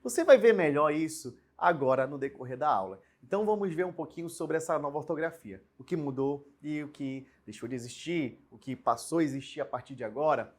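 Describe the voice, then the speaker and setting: A young man with a fairly high voice teaches a recorded grammar lesson. He explains with lively, varied emphasis and keeps asking the viewer questions, often tagging lines with a quick "né?". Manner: lively, explanatory, with frequent rhetorical questions and tag "né?".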